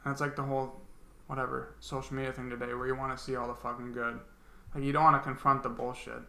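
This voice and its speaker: A man's voice: mid-range voice, flat delivery, fast talker, vocal fry, pushed and bright, reverberant. A man co-hosting a podcast in casual chat, laid-back and agreeable, swearing freely. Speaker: podcast co-host.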